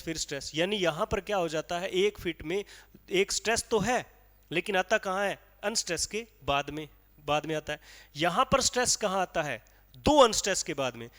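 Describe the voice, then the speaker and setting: A man's voice: high voice, sharp tone, big-room sound. A male teacher giving a classroom lecture on poetic meter, explaining step by step with repeated rhetorical questions and counting aloud.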